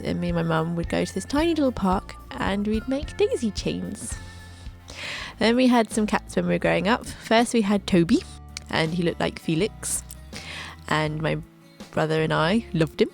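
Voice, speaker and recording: A young woman in her twenties tells her life story as scripted narration, with light joking asides along the way. Her voice sits low and carries a gravelly, creaky edge, with soft music faintly behind her. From England. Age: 20s. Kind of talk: scripted narration over a drawing video.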